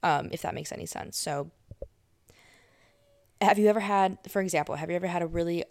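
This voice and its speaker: In a dry recording, a young adult podcast host with a fairly low, darkish voice talks fairly quickly. Her casual monologue is chatty and filler-heavy, and she keeps restarting and correcting herself.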